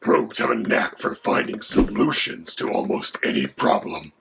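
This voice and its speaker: A voice, given as male, playing a haughty dragon companion with a gravelly, creaky, half-whispered sound. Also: a bass voice, very animated, normal speed, fairly bright tone, a little hiss or hum, exaggerated voice. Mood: lecturing. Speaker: co-host.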